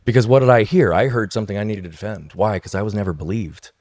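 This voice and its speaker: Deep-voiced man, emphatic storyteller. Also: fast talker, a little mellow, no echo. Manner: emphatic, tags points with "right?". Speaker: guest speaker. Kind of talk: podcast interview, personal storytelling.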